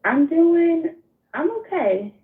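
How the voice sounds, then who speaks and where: A woman's voice: very high voice, expressive, takes it slowly. A woman with a Mississippi accent speaking hesitantly and personally as a caller seeking coaching, searching for her words. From Mississippi, United States. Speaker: call-in coaching client. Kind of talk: personal, unscripted phone conversation. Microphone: phone call. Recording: tinny narrow-band phone line.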